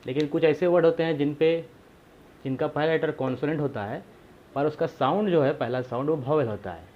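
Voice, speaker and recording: A man's voice: fairly high pitch, fairly quick, narrow, tinny audio, slight background noise. A man teaching a grammar lesson, explaining patiently and repeating himself, asking rhetorical questions to his viewers.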